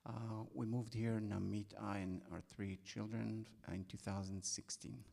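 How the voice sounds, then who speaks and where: A man from Israel, a panelist, speaking in a soft, hesitant way. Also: lowish voice, level tone, unhurried, gravelly. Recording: long hall reverb.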